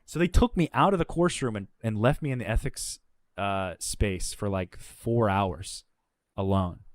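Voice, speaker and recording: A man's voice: lowish voice, unhurried, dry recording. A man talking as a guest in a casual conversation, telling stories bluntly and with plenty of swearing. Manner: blunt, profane, animated storyteller. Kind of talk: casual conversation, candid storytelling.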